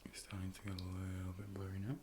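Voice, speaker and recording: Against a noisy background, a man whose voice sits low moves at a quick pace through an ASMR optician role play. Up close to the microphone, he speaks softly and breathily, calm and reassuring, frequently lapsing into whispers as he gently instructs.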